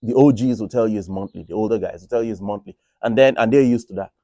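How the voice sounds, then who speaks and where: A fast-talking man with a lowish, mellow voice and a Nigerian accent is recorded with no room sound. As a finance vlogger in the Republic of Ireland, he gives a casual, rambling monologue on trading and money, restarting frequently and using fillers.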